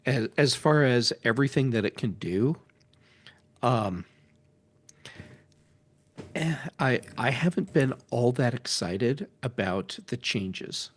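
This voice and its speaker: A man's voice: medium pitch, expressive, takes it slowly, long pauses. A man on a tech podcast panel chatting casually and candidly, with a griping way of talking.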